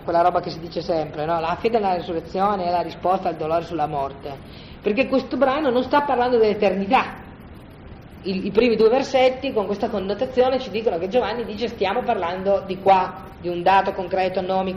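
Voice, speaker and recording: A teacher talks a group through a scripture passage in a loose, colloquial way. The voice sits at a mid pitch, often stops to check in with "no?", and restarts its sentences. It was recorded in a roomy space on dull, lo-fi gear with faint background ambience. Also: a little hiss or hum. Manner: conversational, keeps asking "no?" to check in with listeners; colloquial, animated explaining with restarts. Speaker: Bible study teacher. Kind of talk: informal lecture on scripture. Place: room with a group of listeners.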